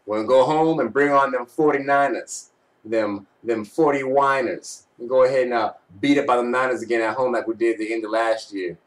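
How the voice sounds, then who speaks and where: A man's voice: medium pitch, steady tone, moderate pace, recorded from a distance, low-quality recording. A young man gives casual postgame sports commentary. He is slangy and teasing, like a fan vlogger. The sound is a home webcam recording from a small bedroom, slightly away from the mic. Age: young adult. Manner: slangy, teasing trash talk. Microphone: webcam at arm's length.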